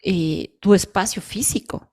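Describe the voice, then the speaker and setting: A woman's voice: medium pitch, unhurried, darkish tone. A woman from Ecuador with an Ecuadorian Spanish accent, speaking thoughtfully and hesitantly in a casual podcast conversation. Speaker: podcast co-host.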